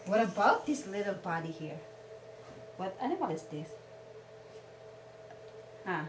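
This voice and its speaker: A woman asking a young child to name animals and make their sounds, in slow, patient questions with sing-song prompts. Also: mid-range voice, big pitch swings. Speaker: parent teaching a child. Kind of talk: home video lesson for a child. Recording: echoey room, far from mic, loud noise.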